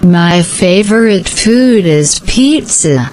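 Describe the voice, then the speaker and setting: A woman giving slow, scripted answers in a repeated language-practice dialogue. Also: on the low side, lively intonation, darkish tone, a little hiss or hum, rough recording.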